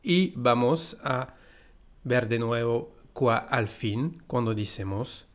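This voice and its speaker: A man with a French accent gives a language lesson at an unhurried pace. His pitch is mid-range for a man, and he explains each point carefully, mixing in short French example phrases. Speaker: French teacher.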